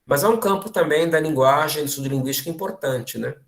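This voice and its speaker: A man from Brazil giving an online academic lecture, lively and full of fillers and restarts. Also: on the high side, quick pace. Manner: animated, many fillers and restarts.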